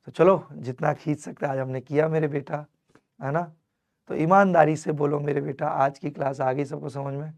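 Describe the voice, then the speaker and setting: A man teaching an online chemistry class with a strained, fading voice. He speaks to his students warmly and fondly, mixing in English terms. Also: fairly high pitch, steady tone, normal speed, gravelly. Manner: affectionate, calls students "my child", mixes English terms. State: losing his voice, strained throat. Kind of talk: energetic online class lecture.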